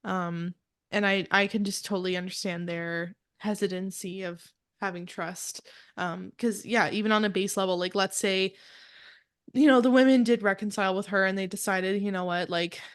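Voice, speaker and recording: A woman's voice: mid-range voice, steady tone, moderate pace. A young woman co-hosting a podcast in casual chat, full of "like" and "um" fillers and frequent laughs. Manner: chatty, many "like" and "um" fillers, laughs often. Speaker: podcast co-host.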